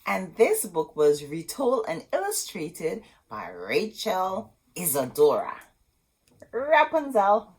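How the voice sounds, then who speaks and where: Reading aloud to young children, this storytime host brings the book to life and addresses her audience directly in asides. She speaks slowly in a lowish, husky voice whose pitch swoops wildly.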